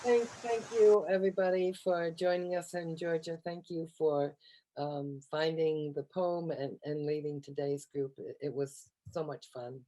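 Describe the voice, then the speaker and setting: Woman running a video call, lowish warm voice, friendly and encouraging. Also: fairly even intonation, a little slow, low-quality recording. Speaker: session host.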